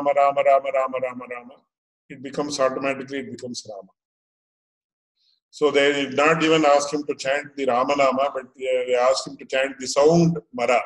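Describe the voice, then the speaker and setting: A South Indian-accented man in his fifties speaks in an echoey room at a middling pitch. He lectures informally on scripture as a religious teacher, halting and restating phrases, dropping in Sanskrit terms. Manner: explanatory, halting, repeating and rephrasing phrases. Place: small indoor room at home. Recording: echoey room, webcam-style pickup.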